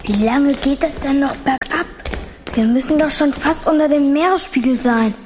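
An actress playing a curious, excited young child explorer in a children's audio drama, with an inquisitive manner. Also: female voice, sits high, normal speed, lightly acted. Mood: curious, cautious. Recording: long cavernous reverb, faint noise.

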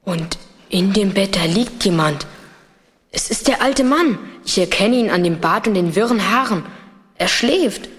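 A woman's voice: medium pitch, lively intonation, measured pace, lightly acted. An actress playing a methodical young boy who leads his siblings in a children's audio drama, decisive and explanatory. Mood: assured.

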